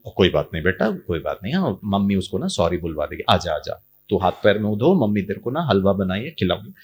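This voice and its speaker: A man's voice: high voice, monotone, fast, a little mellow, slight background noise, voice pushed up. A man voicing a mother who coaxes her crying son, promising to set things right and to cook him a treat. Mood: soothing. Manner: cooing, then scolding. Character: coaxing mother, soothing then losing patience.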